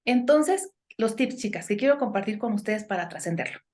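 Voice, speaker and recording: A woman's voice: fairly high pitch, animated, brisk, darkish tone. A woman, a guest in a conversational podcast interview, giving earnest advice and often tagging her sentences with questions and "este" fillers. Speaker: guest speaker on impostor syndrome.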